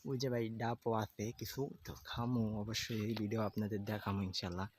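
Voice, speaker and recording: A man's voice: fairly low pitch, steady tone, brisk, a little hiss or hum. A man, a first-time vlogger rambling casually outdoors by the fields, filming on an old phone. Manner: rambling, repeats "okay?" often. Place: outdoors by fields in hot sun. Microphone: old handheld phone.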